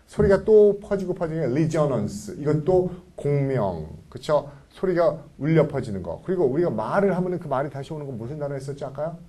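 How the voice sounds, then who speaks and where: Animated, husky-voiced man lecturing a class. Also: mid-range voice. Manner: animated, constantly checks in with the class. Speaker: English vocabulary lecturer.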